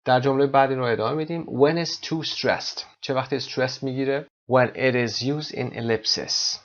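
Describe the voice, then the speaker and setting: A man teaching English from a textbook, explaining in one language and reading English examples slowly and carefully. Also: mid-range voice, fairly bright tone, dull audio.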